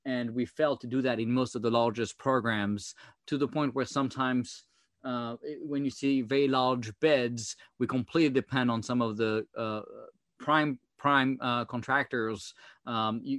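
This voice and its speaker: A man's voice: mid-range voice, fairly bright tone, no room sound. Blunt French-accented man, dry sound. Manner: blunt, urgent, many fillers and restarts. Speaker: guest, former chief software officer. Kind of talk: interview talk.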